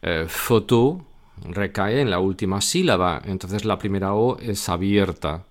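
A man's voice: low-pitched, moderate pace. A man teaching French pronunciation in Spanish, explaining step by step and reading example words aloud with emphasis. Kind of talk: spoken pronunciation lesson.

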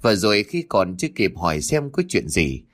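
A man narrating a dramatic audio story in a steady reading voice. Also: low-pitched, normal speed.

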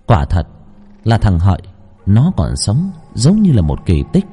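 A man tells a first-person horror story in a tense, suspenseful way. His voice sits low with a dark, husky grain and swings widely in pitch as he builds dread, with faint music playing underneath. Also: huge pitch swings, unhurried. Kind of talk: dramatic horror story narration.

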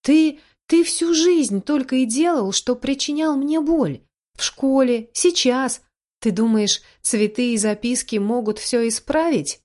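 A woman's voice: on the high side, moderate pace, few pauses, dark tone, close to an everyday voice. A woman voicing an angry, hurt young woman who lashes out in raised, tearful outbursts, read in a storybook. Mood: shouting.

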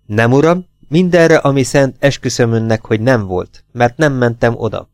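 A man's voice: mid-range voice, a little mellow, no echo, studio quality, lightly acted. A man reading an audiobook voices a proud, defensive woman who answers with defiant agitation. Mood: agitated. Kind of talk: audiobook character voice.

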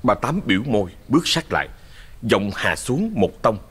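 Husky storyteller man. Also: on the low side, moderate pace. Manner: expressive storyteller. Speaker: narrator. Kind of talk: ghost story narration.

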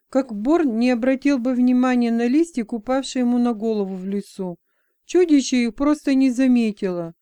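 A woman reads a story aloud in a measured, even narration. Her voice is smooth and mellow, pitched a little high. The sound is close and dry. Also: dry recording. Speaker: audiobook narrator. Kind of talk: scripted narration.

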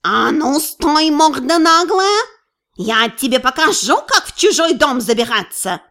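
A gruff little house spirit with burring r's, scolding in a folksy way, as a woman reader voices him. The voice is high, bright and lively, with slow, careful delivery. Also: exaggerated voice. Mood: angry.

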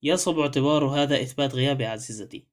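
Gentle worried old spinster, read by a man. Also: medium pitch, fast, lightly acted. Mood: grave. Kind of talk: audiobook character reading.

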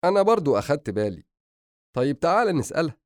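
Man doing a playful young brother, Egyptian accent, joking, fast-talking, lively. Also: on the high side, no echo, studio quality, voice pushed up.

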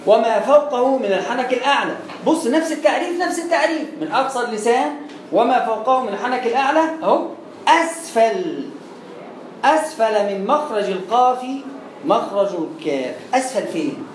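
Brisk and animated, a man with a very high-pitched voice and an Egyptian Arabic accent teaches Quran recitation. The explanatory lesson is chatty, full of repeated words and sounded-out letters, recorded with a roomy echo and faint background noise.

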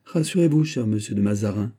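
A man voicing a young king who speaks gravely and firmly, with a touch of irony, in a husky voice. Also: on the low side, lively intonation, a little fast, mellow. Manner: grave, firm, slightly ironic. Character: young king, grave beyond his years.

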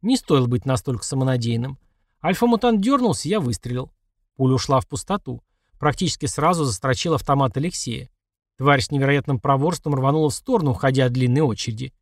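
A man's voice: medium pitch, lively intonation, quick pace, no echo, studio quality. A man reading a first-person audiobook in a tense, matter-of-fact way. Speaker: audiobook narrator.

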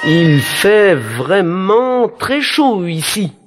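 A man's voice: a little high, very animated, slow pace, pitched above the performer's own voice. A man doing a bleating, tongue-tied young suitor. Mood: flustered. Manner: bleating, stammering, hesitant. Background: music bed.

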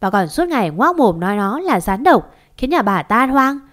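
Brash neighbor woman, loud and insulting, put on by a woman narrator. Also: mid-range voice, animated, moderate pace, lightly acted. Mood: angry. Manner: shouting, insulting. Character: brash, foul-mouthed middle-aged woman neighbor.

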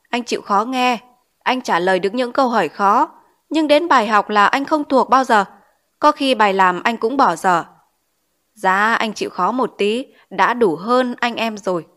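A woman's voice: medium pitch, fairly bright tone, close to an everyday voice. A woman voicing a stern male village schoolteacher in an audiobook, scolding with pointed questions. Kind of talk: audiobook character reading.

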